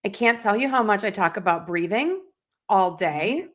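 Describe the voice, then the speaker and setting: A woman interview host who coaches speakers for a living. She sounds enthusiastic and encouraging, with a voice of middling pitch. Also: lively intonation, moderate pace, fairly bright tone. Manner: enthusiastic, encouraging, often says she loves it. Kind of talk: casual interview chat.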